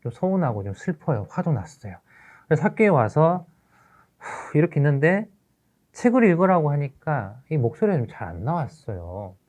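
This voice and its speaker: A middle-aged man, a teacher trainer, telling a classroom story in an animated lecture. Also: a little high, normal speed. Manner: animated storytelling, acts out characters.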